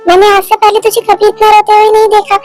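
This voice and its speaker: A high-voiced performer dubbing a loyal young woman who coaxes and soothes a crying friend in a melodrama. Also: completely flat delivery, fast, darkish tone, poor audio. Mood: soothing. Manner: soothing, coaxing, affectionate. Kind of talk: fan dub of a melodrama.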